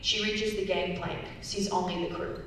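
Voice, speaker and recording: A very reverberant hall, heard through a faraway mic with hiss and rumble, carries a young woman's scripted narration of stage directions at a dramatic reading. Her voice is steady and a bit bright, at normal speed.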